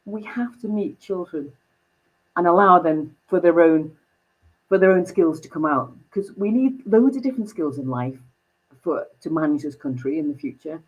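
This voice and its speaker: A woman from the United Kingdom, a company founder, telling stories as an interview guest with lively jumps in pitch. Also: moderate pace, slightly rough, highs cut off. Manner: animated storyteller, pitch jumps when excited. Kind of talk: interview conversation.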